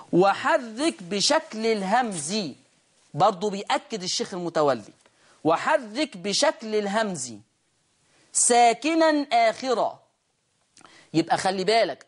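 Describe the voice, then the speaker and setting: A woman with an Egyptian accent teaching Quran recitation rules, asking questions and answering them herself, and reading quoted verses slowly. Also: lowish voice. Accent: Egyptian Arabic. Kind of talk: online recitation lesson.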